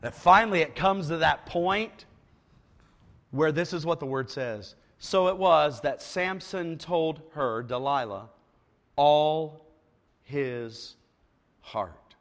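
A man preaching a sermon as a traveling preacher, with dramatic swings from shouting to hushed asides and folksy humor. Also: a little high, takes it slowly. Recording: long hall reverb.

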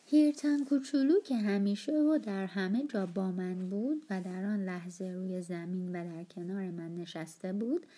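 A woman narrating an audiobook of a novel in a calm, steady storytelling manner. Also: medium pitch, hardly any pauses.

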